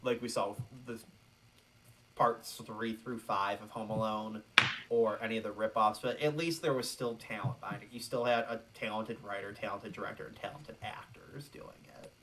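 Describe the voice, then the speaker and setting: A man co-hosting a casual film commentary podcast, chatting with quick asides and a lot of "like". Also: fairly low pitch, fairly even intonation, heavy background noise. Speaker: podcast co-host.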